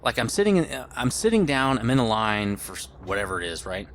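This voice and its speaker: A man's voice: mid-range voice, big pitch swings, a little fast, a little hiss or hum. A man in his late thirties giving casual gameplay commentary, rambling and thinking aloud as he plays. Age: late 30s. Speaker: gaming video host.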